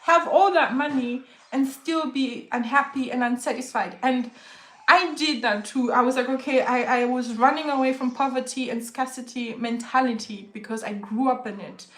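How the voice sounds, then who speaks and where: A woman's voice: high voice, normal speed, roomy sound. A woman from Zimbabwe co-hosting a casual podcast, reflective and earnest, often breaking into laughter. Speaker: podcast co-host.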